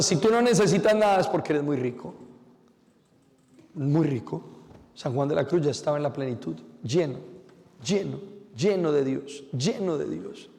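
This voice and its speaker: A man who is a priest giving a lively homily, acting out little quotes. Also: fairly high pitch, gravelly, long reverb tail. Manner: lively preaching with acted-out quotes.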